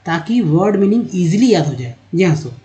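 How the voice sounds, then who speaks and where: A man, teaching in a slow lesson and reading word lists aloud syllable by syllable. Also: high-pitched, big pitch swings, warm tone, rough recording. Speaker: English teacher.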